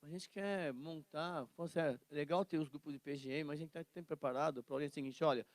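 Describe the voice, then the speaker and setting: High-voiced animated teacher. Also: male voice, brisk, no room sound. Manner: animated, acts out quotes, jokes and laughs. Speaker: Bible class teacher. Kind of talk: informal Bible lesson.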